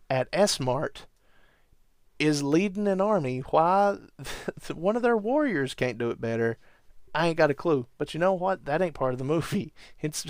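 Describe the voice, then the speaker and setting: A man hosting a podcast, casually recapping a classic movie in a rambling way, chuckling and sometimes breaking into animated impressions. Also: mid-range voice, clear, resonant tone, no room sound, clean studio sound. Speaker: podcast host.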